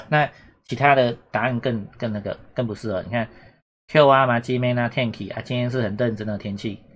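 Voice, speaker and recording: Man, casual exam-prep teacher, chatty and repetitive, mid-pitched voice, faint typing noise behind. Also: brisk. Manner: chatty, repetitive, asks "懂哈？有没有？" often. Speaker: Japanese teacher.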